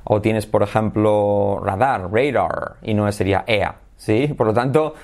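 A man whose first language is Spanish, teaching English pronunciation in a video lesson, who models words slowly and keeps checking in with "¿vale?" and "¿sí?". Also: on the low side, gravelly, a little mellow.

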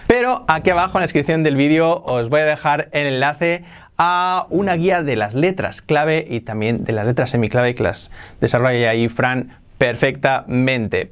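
A young man from Spain with a Spanish accent, hosting an energetic online English pronunciation lesson and repeating words to model them. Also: fairly high pitch. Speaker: English pronunciation teacher, channel host.

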